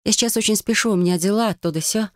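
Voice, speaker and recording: A reader voicing a flustered, agitated young woman heroine in a higher voice, in a storybook reading. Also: fast, dry recording, clean studio sound, close to an everyday voice. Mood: forced sweet.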